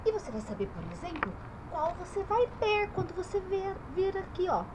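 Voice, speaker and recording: A woman's voice: very high-pitched, very animated, moderate pace, noisy background. A woman teaching young children about letters and vowel sounds in her bedroom, stretching the vowels as she speaks.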